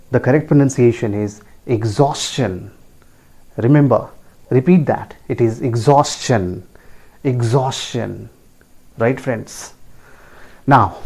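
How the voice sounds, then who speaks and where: A male teacher with an Indian English accent leads a pronunciation lesson at a very unhurried pace. His voice is mellow and soft-edged. He drills each word patiently, repeating it several times and checking in with his listeners. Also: medium pitch. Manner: drills each word slowly, repeating it and asking "right, friends?". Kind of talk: slow, emphatic pronunciation lesson.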